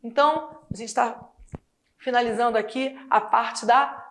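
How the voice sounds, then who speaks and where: An unhurried woman with a higher voice and a Brazilian Portuguese accent leads a Portuguese exam-prep lesson. It's a lively, talkative session in which she leans heavily on rhetorical questions.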